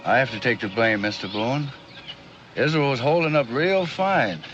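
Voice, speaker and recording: A man's voice: medium pitch, animated, normal speed, fairly bright tone, soft background music, natural voice. An actor playing a modest, polite strongman with folksy rural phrasing in a TV western. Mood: humble, amiable. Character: humble, gentle strongman and former slave. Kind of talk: 1960s television western acting. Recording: dull old TV soundtrack.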